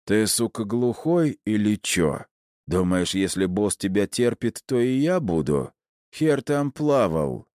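A man's voice: fairly low pitch, expressive, a little slow, a little mellow, dry recording, clean studio sound, voice pushed up. A man voicing a brash, tattooed male gangster who talks in rude, taunting, swearing bursts in an audiobook. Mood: hostile.

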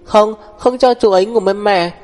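A man voicing a small, stubborn child in a storybook reading, with a high whining voice. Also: fairly even intonation, normal speed, a little mellow, natural voice. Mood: pouty.

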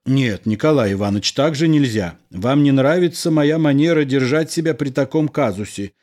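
In an audiobook, a man voices a calm, wry middle-aged husband who is an engineer and reasons things out. His medium-pitched delivery is lightly acted at normal speed, ironic, patient and lecturing.

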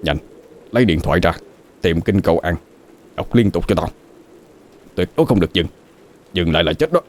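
A man voicing a frightened middle-aged truck driver who speaks in a hoarse, trembling whisper and gives hushed, urgent orders. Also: low-pitched, normal speed, slight background noise, natural voice. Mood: terrified, urgent.

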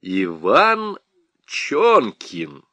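A man's voice: mid-range voice, very animated, moderate pace, no echo. A man playing a smug, mocking, middle-aged lieutenant in a storybook reading, drawling in a mock-official tone.

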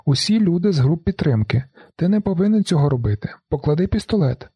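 A man voicing a desperate young woman, raised high. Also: expressive, quick pace, slightly rough, no echo, full character voice. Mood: pleading shouts. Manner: shouted, pleading. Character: desperate young woman shouting across a rooftop. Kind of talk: audiobook character voice.

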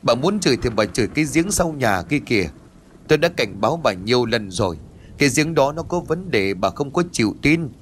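A man's voice: mid-range voice, lively intonation, brisk, a little hiss or hum, lightly acted. A man voicing a somber, grieving older father in an audio ghost story. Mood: reproachful. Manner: somber, pleading.

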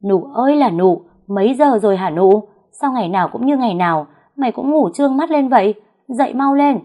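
A woman voicing a shrill, bossy young wife who scolds a servant girl in a storybook tale. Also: animated, quick pace, darkish tone, lightly acted. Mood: scolding.

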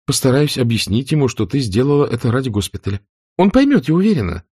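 A gentle, anxious young woman, as a male narrator puts her on pleads softly and earnestly. Her voice rises and falls with feeling. The sound is dry and close. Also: mid-range voice, sing-song, quick pace, husky, no echo, voice pushed up.

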